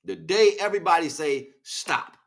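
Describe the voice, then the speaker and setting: A man hosts a casual livestream, delivering an impassioned monologue that's slangy, rambling and preachy as he chats back to viewers. His voice is on the high side and creaky, at a moderate pace.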